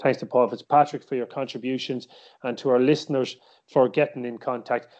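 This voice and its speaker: A man's voice: medium pitch, fairly even intonation, brisk, darkish tone. Irish man hosting, slightly muffled sound. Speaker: podcast host. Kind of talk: casual sports discussion. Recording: slightly dull, muffled podcast audio.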